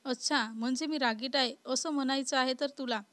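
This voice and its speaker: A woman voicing a young man who is short-tempered and protective, reading his lines in a plain, even storytelling voice. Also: high voice, a little fast, no echo. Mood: angry.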